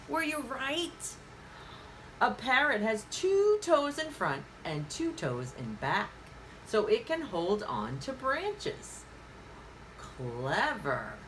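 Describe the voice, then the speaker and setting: A woman with a fairly low voice leads an interactive picture-book reading for young children, taking her time with a lively sing-song delivery. She poses questions and waits as though hearing replies. The recording is low quality, with noticeable background noise.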